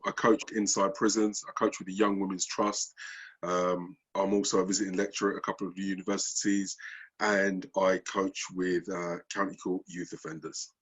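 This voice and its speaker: Deep baritone man, flat delivery. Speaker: podcast guest, coach. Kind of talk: podcast conversation.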